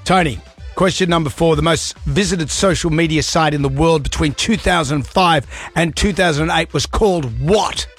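Higher-voiced Australian man bantering on radio. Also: moderate pace, soft background music. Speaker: radio co-host. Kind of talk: casual joking banter.

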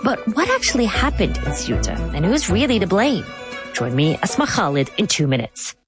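A woman hosting a news podcast, speaking in a measured, conversational way. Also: mid-range voice, sing-song, music in the background. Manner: measured, conversational delivery with some fillers. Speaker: podcast host. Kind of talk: radio news presenting.

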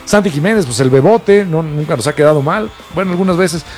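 A man's voice: fairly high pitch, brisk, darkish tone, soft background music. A man with a Mexican accent co-hosting a sports show, chatty, joking and slangy. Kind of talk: casual sports chat.

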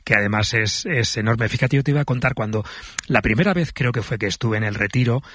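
Husky, dry-voiced male radio host. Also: mid-range voice, quick pace, a bit bright, no room sound. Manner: friendly, curious, laughs easily. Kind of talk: radio interview and chat.

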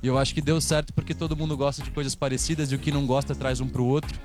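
Rapid-talking young São man. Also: mid-range voice, level tone, over music. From Brazil. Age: 20s. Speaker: band member, guest. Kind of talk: casual radio interview.

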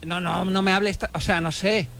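Joking higher-voiced male contributor from Madrid. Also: steady tone, moderate pace, vocal fry, fairly bright tone. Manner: joking, teasing. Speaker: radio contributor. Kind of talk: casual radio chat.

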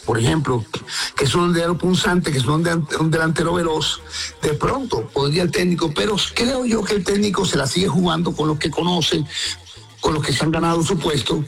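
A man's voice: on the high side, vocal fry, fairly bright tone. A man giving an opinionated live radio football report, addressing listeners directly. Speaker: radio sports correspondent.

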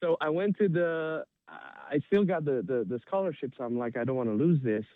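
Speaking at a moderate pace in a voice on the high side, this Romanian man, a native speaker, enthusiastically shares his own story in an informal interview. The dry audio has a thin quality, like a remote call over the phone.

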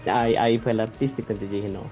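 Earnest young man, low dark voice. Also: steady tone, racing, faint music behind. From Colombia. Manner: earnest and reflective. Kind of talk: interview answers. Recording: dull lo-fi recording.

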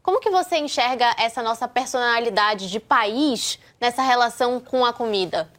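Inquisitive woman interviewer, higher voice. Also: lively intonation, normal speed, a bit bright. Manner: clear, inquisitive questioning. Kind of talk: interview questions.

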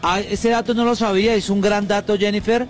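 A man hosting a morning radio show, with a high voice and a Colombian accent. He talks in quick, chatty, joking banter with his co-host. Faint music plays behind him. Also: fairly even intonation.

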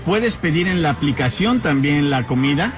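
A man's voice: on the high side, animated, moderate pace, faint music behind. A man with a Mexican accent hosting a live radio interview, enthusiastic and effusive. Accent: Mexican Spanish. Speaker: radio host.

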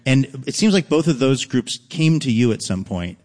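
A man's voice: medium pitch, animated, normal speed, a little mellow. A chatty man hosting a live interview onstage, asking long, rambling questions. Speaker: radio show host. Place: theater stage before an audience. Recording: live theater with long reverb.

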